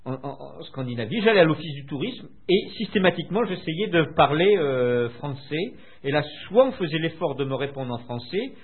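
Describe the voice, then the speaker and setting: Older man reminiscing, husky and lively. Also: a little high. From France. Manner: hesitant, many filler pauses. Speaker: interviewee. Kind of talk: recounting memories in conversation. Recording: tinny phone-line sound.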